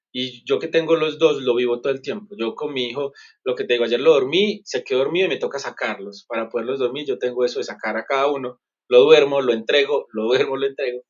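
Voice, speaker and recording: A man's voice: mid-range voice, dull audio. A man, a psychologist guest in a conversational interview, explaining earnestly and asking "¿sí me entiendes?" often. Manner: earnest, explanatory, self-correcting.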